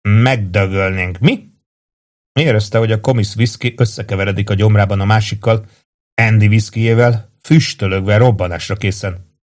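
Low-voiced male audiobook narrator. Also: steady tone, a little mellow. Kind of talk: scripted narration.

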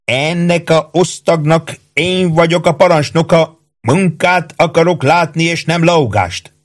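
A man's voice: fairly high pitch, pitched above the performer's own voice, close to an everyday voice. A man voicing a bossy, suspicious army sergeant who bellows orders in rustic, slurred speech.

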